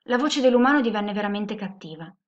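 A woman's voice: mid-range voice, lively intonation, fairly quick. Woman reading a storybook, muffled sound. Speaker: teacher reading aloud. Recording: muffled lo-fi recording.

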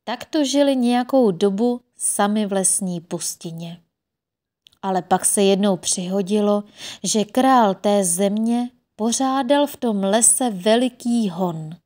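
A woman's voice: mid-range voice, darkish tone. Woman narrating a fairy tale.

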